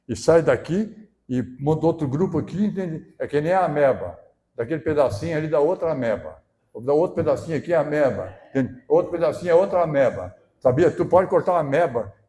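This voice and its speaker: A male pastor delivering a sermon. He talks in a conversational way, keeps checking in with the congregation, and swells into loud, emphatic bursts. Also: mid-range voice. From southern Brazil.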